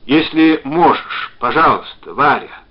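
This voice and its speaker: A man reading aloud and voicing a weak sick man in hospital who shouts and urges down a phone line. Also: on the high side, animated, measured pace, pitched above the performer's own voice. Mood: urgent. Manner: urgent, strained, shouting. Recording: dull lo-fi recording.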